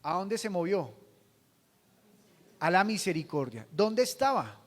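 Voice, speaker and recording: A man preaching a sermon as pastor, asking the congregation questions and swinging from hushed to loud. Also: sits high, big pitch swings, unhurried, big-room sound. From Colombia.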